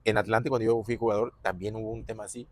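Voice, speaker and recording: A middle-aged man with a Mexican Spanish accent, a former footballer talking casually in an interview, reflective, with pauses and fillers. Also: on the low side, little pitch movement, no room sound.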